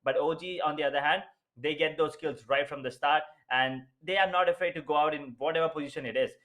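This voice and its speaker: A man's voice: on the high side, a little fast, a bit bright. A young man, giving chatty live analysis as co-caster of an esports match. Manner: chatty analysis, asks rhetorical questions.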